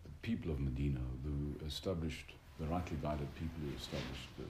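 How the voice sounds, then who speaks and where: A religious teacher with an extremely deep, mellow voice lectures a group in a brisk yet reflective, unscripted way. His formal, donnish phrasing carries searching academic hesitations, and the recording has a roomy echo with background noise.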